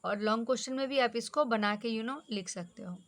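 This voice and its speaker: A woman teacher giving a brisk, exam-focused lesson, slipping English terms into her instructions. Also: on the high side.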